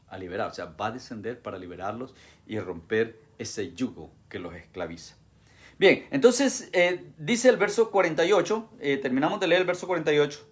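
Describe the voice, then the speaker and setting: A male pastor preaching a sermon in an emphatic way, moving between hushed and raised delivery. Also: mid-range voice.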